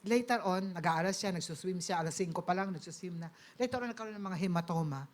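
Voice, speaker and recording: A middle-aged woman from the Philippines with a Filipino accent gives a personal testimony in the style of a sermon. Her voice sits a little low for a woman. She speaks politely to the congregation and keeps checking in with them. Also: quick pace. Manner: polite, addressing the audience with frequent "po" and "okay?"; mixes Tagalog and English. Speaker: preacher giving a testimony.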